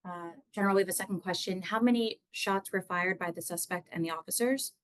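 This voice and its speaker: A woman with a fairly low voice moderates a press briefing. She reads out questions in a polite, businesslike manner. The sound is very dry, with almost no room around her. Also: fast, no room sound. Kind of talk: reading out reporters' questions.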